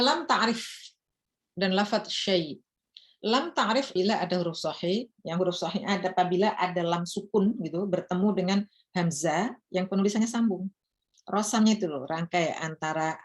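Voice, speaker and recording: A woman lecturer teaching recitation rules, explaining each point and then chanting examples slowly and repeating words for her students. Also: on the low side.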